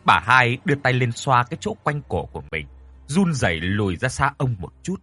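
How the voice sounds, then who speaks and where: A man narrating a horror story in a dramatic, expressive way. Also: medium pitch, normal speed, husky, dry recording.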